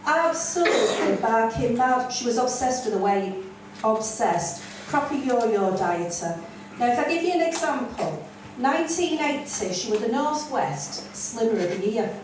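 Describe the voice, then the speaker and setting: An older woman with a broad Lancashire accent works the room with blunt, self-deprecating humour. Her voice sits a little high and carries from a distance. The club sounds very echoey, with a steady murmur of audience noise underneath. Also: unhurried. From North West England. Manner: blunt, self-mocking, broad northern delivery. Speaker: stand-up comedian. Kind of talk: stand-up set. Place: comedy club stage.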